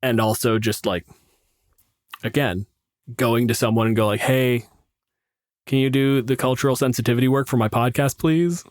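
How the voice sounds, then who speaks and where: Recorded cleanly in a studio with no echo, this young man from Canada co-hosts a podcast and runs games. His mid-range voice stays fairly even at a moderate pace with long pauses as he spins sweary, self-deprecating stories laced with quoted asides.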